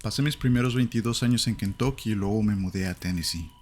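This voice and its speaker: Calm and measured, this low-voiced man narrates horror in Latin American–accented Spanish, with a faint hiss audible in the recording.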